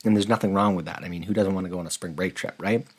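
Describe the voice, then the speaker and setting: Finance host, male, low and husky, earnest casual explainer. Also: fairly even intonation, racing. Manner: earnest, conversational, repeats words when rephrasing. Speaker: personal finance channel host. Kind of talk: casual explainer walking through a spreadsheet.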